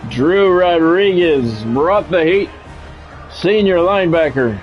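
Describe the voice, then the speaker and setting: A man whose voice is a little high and lively in intonation takes his time, heard in dull audio with soft music behind. He streams a college football video game, calling it like a radio announcer with a cadence that grows on big plays, and trades broadcast calls with viewer chat.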